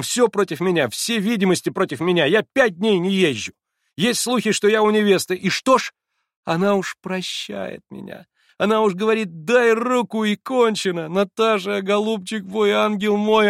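A man voicing an eager, excitable young man who protests his innocence. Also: sits high, a little slow, creaky, no room sound, studio quality, voice pushed up. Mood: excited.

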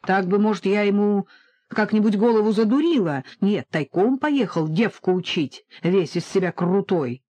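A woman voicing a bold, brash woman who talks in a quick, colloquial way, in an audiobook. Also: medium pitch, animated, mellow, dry recording, close to an everyday voice.

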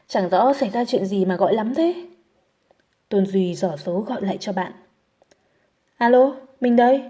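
Lady audiobook narrator, calm even reading, mellow voice. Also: medium pitch.

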